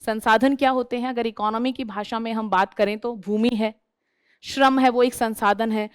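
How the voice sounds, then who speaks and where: High-voiced woman teacher posing questions. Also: fairly even intonation, moderate pace, smooth, no echo, studio quality. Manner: asks the class questions and answers them herself. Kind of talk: classroom lecture.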